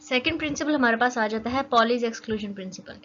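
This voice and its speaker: A young woman with a slightly high, somewhat bright voice talks at a quick pace through a casual chemistry lesson. She's chatty and keeps checking in with "okay," and the audio is dull and lo-fi with faint noise.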